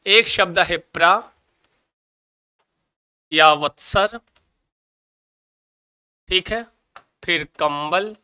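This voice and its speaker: High bright voiced male Sanskrit teacher. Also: drawn-out words, long pauses, clean tone, no room sound. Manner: asks and answers his own questions, repeating answers; calls students "bhaiya" and "ji". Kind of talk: exam coaching lecture.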